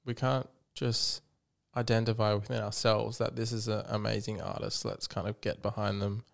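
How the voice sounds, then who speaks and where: A young man, a photographer and content creator, talking in a casual chat in a flat, thoughtful, halting way. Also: on the low side, vocal fry.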